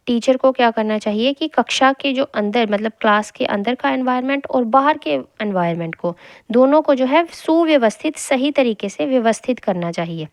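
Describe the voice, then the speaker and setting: Higher-voiced woman teacher explaining patiently. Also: no room sound. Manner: reads a line, then re-explains it in casual mixed Hindi and English; repeats key phrases slowly. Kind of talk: exam-prep lesson explaining a textbook.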